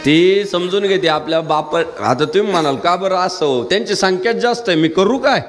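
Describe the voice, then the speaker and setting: Animated male kirtan preacher telling stories. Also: normal speed, over music. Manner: animated storyteller, swinging his pitch high and low to act out characters. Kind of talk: humorous kirtan sermon with storytelling. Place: live kirtan gathering.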